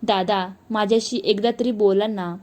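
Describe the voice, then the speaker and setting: Lady storyteller doing a teary young wife begging, soft warm voice. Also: mid-range voice, steady tone, normal speed, natural voice. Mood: pleading tearful. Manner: pleading, tearful. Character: young wife, tearful, pleading, frightened.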